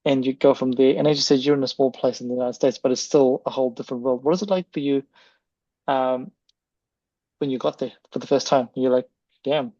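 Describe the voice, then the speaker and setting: A man's voice: mid-range voice, steady tone, brisk, mellow, dry recording, muffled recording. A man hosting a casual interview, effusive and repeating words for emphasis. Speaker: podcast host.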